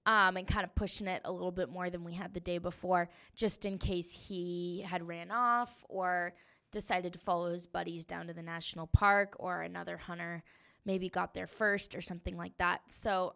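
A woman's voice: on the low side, moderate pace, vocal fry, smooth. A young woman telling a story of her hunt in a casual, chatty way, with many fillers. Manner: chatty, animated, lots of "um"s.

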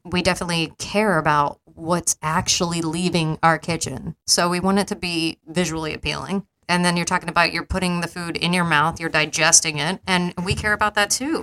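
A woman co-hosting a podcast in casual chat, laughing easily and agreeing often with quick yeahs. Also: fairly low pitch, fairly bright tone, clear, resonant tone. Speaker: podcast co-host.

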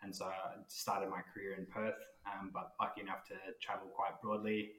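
An Australian man from Western Australia, a startup co-founder giving relaxed, rambling interview answers with frequent ums. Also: deep voice, moderate pace, echoey room, low-quality recording.

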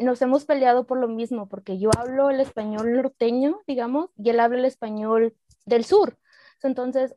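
A woman with a northern Mexican accent talks as a podcast guest, recounting things in a relaxed way with frequent fillers. Her voice sits a bit high, and the mic sounds dry and slightly dull. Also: no echo. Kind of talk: casual conversational interview.

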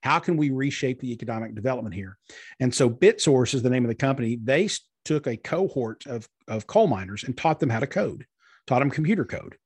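A marketing strategist from eastern Kentucky, USA, is a guest in a conversational interview, explaining things earnestly with many fillers. His husky, mid-range voice is expressive, brisk and slightly mellow, and the recording is dry.

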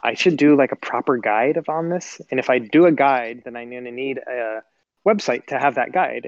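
A man's voice: medium pitch, no echo. A man chatting as a podcast guest over a cell phone on Bluetooth that keeps cutting out. He talks in an easygoing, rambling way, with restarts and apologies. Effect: Bluetooth phone line cutting out. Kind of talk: casual chat. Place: outdoors at home. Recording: muffled lo-fi phone line, dry.

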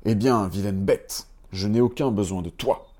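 Man doing rude spoiled girl, curt, scornful, low and mellow. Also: normal speed, close to an everyday voice.

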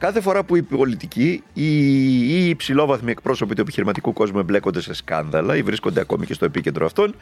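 Indignant, sarcastic man with a gravelly voice. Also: medium pitch. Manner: sarcastic, indignant, heavy rhetorical questions. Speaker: political commentator. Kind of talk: impassioned political monologue.

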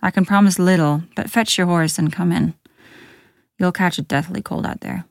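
Soft-spoken gruff beast, sorrowful and kind, read by a woman storyteller; low, dry delivery. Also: normal speed, no echo. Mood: gruff welcome.

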